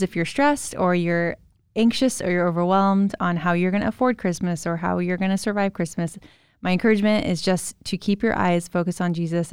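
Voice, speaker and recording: Woman, podcast host, somewhat low voice, dry close sound, encouraging, chatty. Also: clear, resonant tone, no room sound. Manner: warm, encouraging, chatty with fillers.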